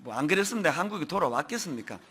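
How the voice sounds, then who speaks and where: A middle-aged man delivers an earnest sermon from a church pulpit. His voice sits high and bright, swinging widely in pitch as he poses rhetorical questions and reads scripture aloud. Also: expressive, racing, a little hiss or hum. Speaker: pastor. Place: church sanctuary.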